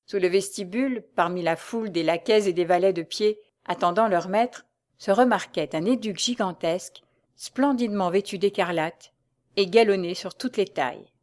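A woman reading a novel aloud as an audiobook narrator, in an even storytelling way. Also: medium pitch, normal speed. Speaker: audiobook reader. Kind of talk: scripted narration.

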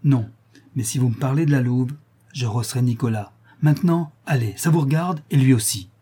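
A man's voice: mid-range voice, brisk, dark tone, breathy edge, close to an everyday voice. A man voicing a strong young man who holds back his anger and warns firmly, reading a novel aloud. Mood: stern anger. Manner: firm, controlled warnings.

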